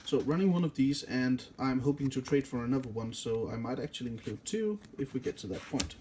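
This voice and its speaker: A native Danish speaker with a Danish accent talks casually through a card game deck, his medium-pitched voice animated and brisk. He rambles, corrects himself often, and uses lots of fillers, with background noise audible.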